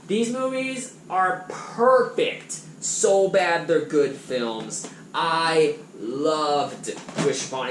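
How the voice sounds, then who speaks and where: A man chatting casually and enthusiastically as he reviews movies from his collection on a vlog, his loudness swinging up and down. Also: fairly high pitch. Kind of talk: casual chat. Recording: echoey room with background noise.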